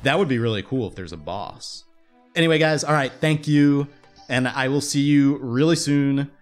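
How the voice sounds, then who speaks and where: A young man, a bit hoarse from losing his voice, giving casual let's-play commentary, rambling and breaking off mid-thought in an upbeat way. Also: medium pitch, normal speed. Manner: rambling, self-interrupting, upbeat. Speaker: gaming YouTuber. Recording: faint game music behind.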